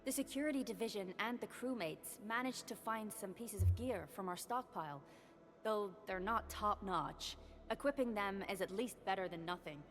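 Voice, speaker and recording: A woman's voice: medium pitch, moderate pace, faint music behind, lightly acted. A woman voicing a grateful, caring base director in a video game, speaking earnestly and formally. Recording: long hall reverb.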